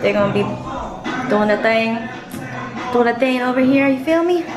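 Female party vlogger, young, higher-pitched, casual and playful slang, music blaring in the background. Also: animated, moderate pace. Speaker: vlog host. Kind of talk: casual party vlog chat. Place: apartment during a house party. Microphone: handheld camera, held by her. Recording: loud music behind. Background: loud music.

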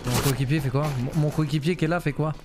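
A man's voice: on the high side, fast, over music. A young man commenting on his own gameplay in a joking way, giving callouts to teammates. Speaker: gaming streamer.

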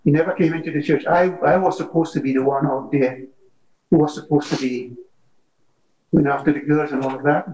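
A man's voice: on the high side, fairly even intonation, brisk, warm tone, muffled recording. A man telling an earnest story in a church Bible study discussion, often repeating words, recorded by a far camera in a meeting room. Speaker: class member.

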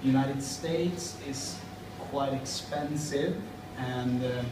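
A native Swedish speaker in his thirties from Sweden answers interview questions thoughtfully and hesitantly, with fillers and restarts, seated on plastic chairs in a school corridor. His mid-range voice moves slowly. A distant camera picks him up, so the hallway sounds echoey and noisy.

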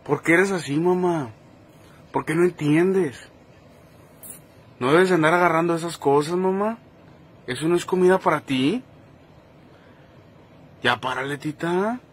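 A man with a Mexican Spanish accent talks to his dog, gently scolding and pleading as if with a person. His voice is husky and sits a little high. The tone is casual and homey throughout. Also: measured pace, long pauses. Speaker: pet owner filming his dog. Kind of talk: casual talk to a pet.

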